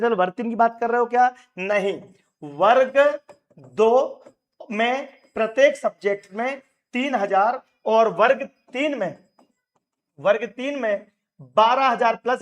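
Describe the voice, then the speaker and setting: A man with a high, hoarse voice speaks straight to exam candidates. He is emphatic and rallying, and he repeats his key points to drive them home. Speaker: coaching teacher and union leader. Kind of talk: direct address to exam aspirants.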